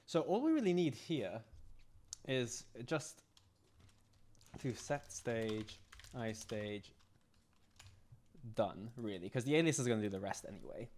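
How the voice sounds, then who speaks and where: A slightly hoarse man who is losing his voice, thinking aloud in a halting, self-muttering way as he works through scripts on a live stream. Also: mid-range voice, big pitch swings, darkish tone. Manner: halting, restarting, muttering to himself. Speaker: game modder live streaming.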